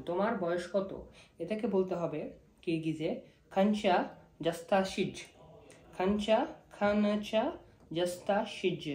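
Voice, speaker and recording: A man's voice: high voice, a little mellow. Man teaching words, echoey room. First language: Bengali. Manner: repeats words slowly, spells them out. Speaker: language teacher. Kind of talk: casual spoken lesson.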